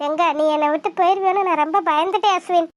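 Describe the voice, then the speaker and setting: A woman voicing a bold, lively young village girl in a cartoon, who speaks outspokenly. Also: very high-pitched, fast talker, over music. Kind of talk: cartoon voice acting.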